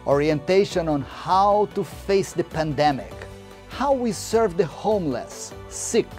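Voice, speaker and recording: A man giving a slow, measured scripted narration. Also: high-pitched, expressive, a little mellow, faint music behind.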